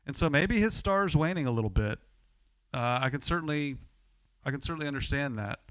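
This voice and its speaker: A man's voice: fairly high pitch, animated, brisk, a bit bright, no room sound. A man co-hosting a casual live-streamed sports chat, his audio cutting in and out so the volume keeps dipping and jumping. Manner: conversational, with restarts and fillers. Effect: uneven volume, audio cutting in and out. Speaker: podcast co-host.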